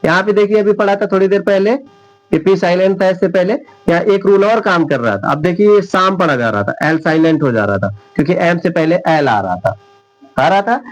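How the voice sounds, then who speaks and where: A man teaching English spelling rules at a whiteboard, repeating each example word slowly and often checking whether his viewers understand. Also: high voice, animated, low-quality recording. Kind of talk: whiteboard classroom lesson.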